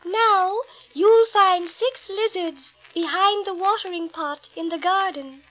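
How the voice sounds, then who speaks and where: A woman voicing a kind, stately fairy godmother in a storybook, speaking slowly and gently. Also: very high voice, pitched above the performer's own voice, full character voice, rough recording. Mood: thoughtful. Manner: slow, gentle, measured.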